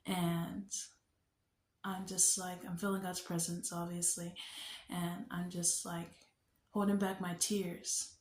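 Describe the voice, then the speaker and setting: A young woman sharing a personal faith testimony on her vlog, speaking in an earnest, unhurried, reflective way. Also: lowish voice, little pitch movement. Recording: echoey room.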